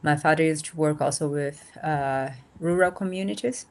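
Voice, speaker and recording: A low-voiced woman in her thirties, a nonprofit founder from north and northeast Brazil with Portuguese as her native language, is being interviewed casually as a guest on a video call. She speaks thoughtfully, regularly halting and using fillers as she hunts for words, and the audio comes through a remote connection.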